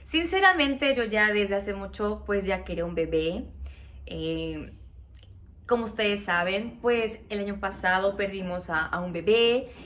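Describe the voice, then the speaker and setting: A woman with a Mexican accent, casually telling viewers a personal story in a chatty, animated way, often checking in with them. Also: mid-range voice, unhurried. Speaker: vlogger.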